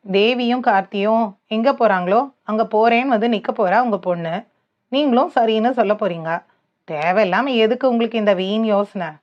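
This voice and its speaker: A woman's voice: on the high side, normal speed, highs cut off, natural voice. A woman voicing a middle-aged wife chiding her husband in a scolding tone, in an audiobook.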